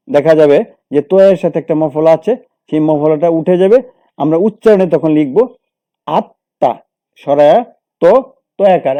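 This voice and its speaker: A man talks through a lesson in a steady, methodical way, repeating each rule and walking through example after example. His voice sits a little high, but the tone is very dark and mellow. He stops to correct himself now and then. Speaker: teacher. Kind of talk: explaining a grammar lesson.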